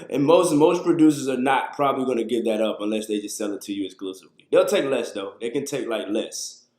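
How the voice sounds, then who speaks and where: With lively intonation and a slightly fast pace, this man's mid-range voice is a little mellow and echoes around the room. In his thirties, he runs a casual webcam livestream from a small room, talking loosely and fielding viewers' questions.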